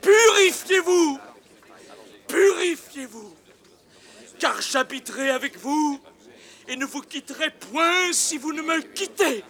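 An actor playing a fanatical young man who prophesies in the Lord's name, declaiming fervently with shouted outbursts in a classic stage drama. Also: very high voice, lively intonation, slow, full character voice. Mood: prophetic.

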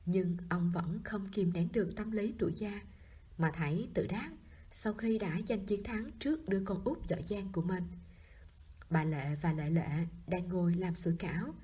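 A woman narrating a novel in a soft reading voice that often drops to a whisper. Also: lowish voice, normal speed, slightly rough. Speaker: audiobook narrator.

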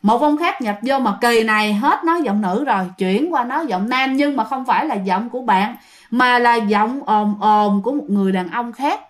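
A woman's voice: a little high, moderate pace. A woman with a Southern Vietnamese accent telling a ghost story in a chatty way and often speaking directly to her listeners.

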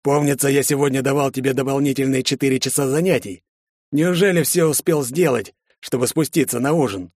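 A man's voice: medium pitch, fairly quick, darkish tone, dry recording, studio quality, voice pushed up, lightly acted. A man reading an audiobook, voicing a stern older father who heads the family and gives harsh commands. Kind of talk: audiobook character voice.

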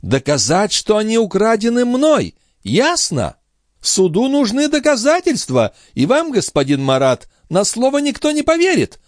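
A man's voice: sits high, wildly swooping pitch, normal speed, no room sound, clean studio sound, pitched above the performer's own voice. A man voicing a wily, sugary old female concierge who whines and protests indignantly. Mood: shrill indignant.

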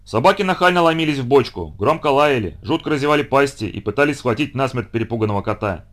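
Expressive male storybook narrator, animated intonation, medium pitch. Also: fast. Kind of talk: storybook reading.

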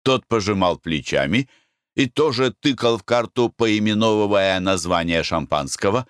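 A man giving an expressive audiobook narration. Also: on the low side, moderate pace, smooth, no echo, studio quality. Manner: expressive, storytelling.

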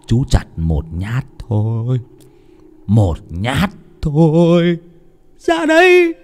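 A man's voice: medium pitch, sing-song, darkish tone, pitched above the performer's own voice. Man voicing a cackling knife-wielding madman. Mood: menacing taunt. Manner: cackling, taunting, drawn-out. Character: deranged middle-aged man hunting a boy with a knife.

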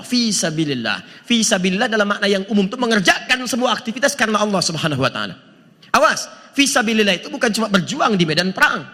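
A man preaching a sermon, emphatic and questioning his listeners. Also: high-pitched. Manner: animated, emphatic, asks the audience questions. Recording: long hall reverb.

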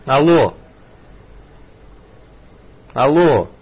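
A man's voice: mid-range voice, expressive, very slow, husky. A man making a prank phone call, pestering persistently with mock politeness. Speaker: prank caller. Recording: dull telephone line.

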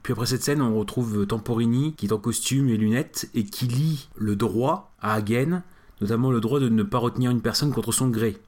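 A man's voice: medium pitch, moderate pace, darkish tone. A man giving semi-scripted commentary as a film reviewer, explanatory with casual asides. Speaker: film reviewer narrating the show.

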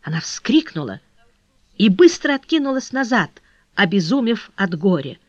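An audiobook narrator reading a classic novel with dramatic expression, the pitch moving freely. The sound is dry and close, with a slightly muffled tone. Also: very animated, moderate pace, no room sound.

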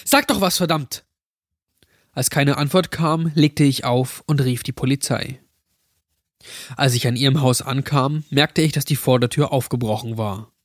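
A man calmly narrating a scripted horror story, recorded close to the mic. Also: mid-range voice, moderate pace, dry recording.

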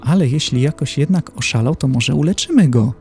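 A man's voice: on the high side, expressive, a little fast, darkish tone, soft background music, voice pushed up. A man voicing a flirtatious, cruel lady in hell, with a playful, raised tone in a horror audiobook. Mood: teasing.

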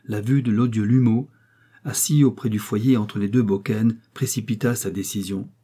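A man narrating a classic novel as an audiobook, in a steady, measured reading. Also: lowish voice, breathy edge. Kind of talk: scripted narration.

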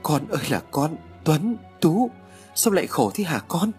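A man's voice: fairly high pitch, big pitch swings, unhurried, darkish tone, soft background music, voice pushed up. A man doing a sobbing distraught mother. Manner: wailing, crying out.

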